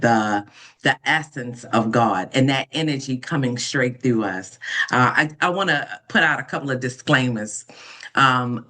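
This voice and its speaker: A woman in her fifties from Baltimore, an ordained minister, telling her life story in an interview in an earnest, unhurried way with frequent pauses and soft fillers. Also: rumbling low. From Baltimore, United States. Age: 50s. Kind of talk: reflective personal storytelling in an interview.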